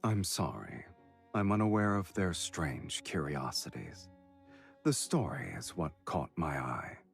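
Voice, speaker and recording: A suave male fiend nobleman mocks and charms in a very deep, unhurried voice. His pitch swoops widely as he teases. Soft game music plays behind him. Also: big pitch swings, heavily acted. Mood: teasing. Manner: smooth, mocking, unhurried.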